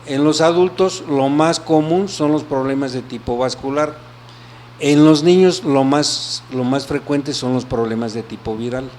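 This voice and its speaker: A man explains hearing problems as a guest in an interview. He talks in a patient, explanatory way at a medium pitch. A faint background noise runs under his voice. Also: fairly even intonation, measured pace, a little mellow. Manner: explanatory, checks in with "¿sí?". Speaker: audiologist guest. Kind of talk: interview answers.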